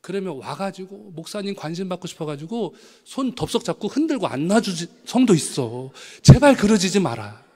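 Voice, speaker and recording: A man, a pastor, preaching a sermon with animated storytelling, acting out voices from his anecdotes. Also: high voice, brisk, few pauses. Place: church sanctuary. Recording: long hall reverb.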